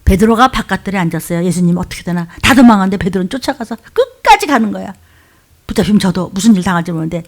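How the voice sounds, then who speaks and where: A woman preacher giving a sermon, speaking Korean with touches of Jeolla dialect. She swings between loud, emphatic exhortation and hushed asides. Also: mid-range voice, big pitch swings, very fast.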